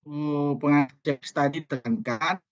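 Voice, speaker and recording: A man's voice: fairly high pitch, measured pace, dry recording, highs cut off. Man on a choppy, breaking-up video call. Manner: formal, hesitant with frequent fillers. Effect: choppy, cutting-out audio over a video call. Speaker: official presenting at a government meeting. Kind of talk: formal speech in an online meeting.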